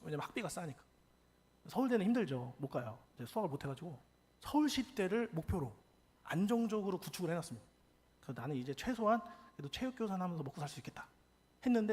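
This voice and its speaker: A young adult man, a pastor from South Korea, preaching a storytelling sermon and acting out the quoted lines of people in his stories. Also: high voice. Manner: animated, acts out quoted lines.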